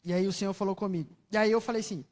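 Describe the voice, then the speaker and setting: Brazilian woman, preacher, sermon, mid-pitched voice, soft asides and loud outbursts, asks the crowd questions. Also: rapid-fire. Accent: Brazilian Portuguese. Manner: expressive storytelling, swinging between soft asides and loud exclamations; chatty, asks the audience questions.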